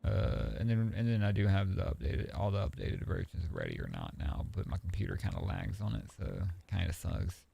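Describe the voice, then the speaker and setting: A man with a low, gravelly voice and a dark, mellow tone talks loosely over a game stream. He rambles from thought to thought and swears without a second thought. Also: a little fast, few pauses. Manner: relaxed, rambling, swears freely. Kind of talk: casual stream chat.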